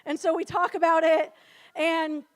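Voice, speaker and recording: A young woman in her twenties with a very high voice tells a funny story about herself at a retreat. She is chatty and casual, drops "like" constantly and keeps breaking into laughter. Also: little pitch movement, a little slow. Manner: chatty, full of "like", laughs often while telling. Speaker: retreat speaker. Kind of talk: humorous personal storytelling.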